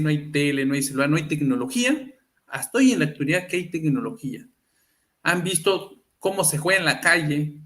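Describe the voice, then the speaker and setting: A man's voice: on the high side, fairly bright tone. A man hosting a casual live talk, often turning to his listeners with rhetorical questions. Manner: keeps asking the audience rhetorical questions; acts out quoted people. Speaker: livestream host.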